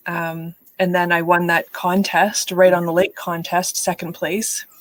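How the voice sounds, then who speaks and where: A woman's voice: on the low side, flat delivery, unhurried, no room sound, rough recording. A middle-aged woman hosting a live writing stream, chatting casually, telling stories and laughing often. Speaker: host of live writing sprints. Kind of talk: casual livestream chat.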